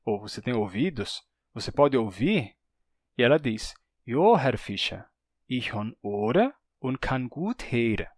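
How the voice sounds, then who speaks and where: A man's voice: medium pitch, big pitch swings, unhurried, a little mellow, no echo. Brazilian guy walking through a language lesson, voice goes up and down a lot, dry close sound. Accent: Brazilian Portuguese. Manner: explains step by step, often checks in with "né?". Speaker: language teacher.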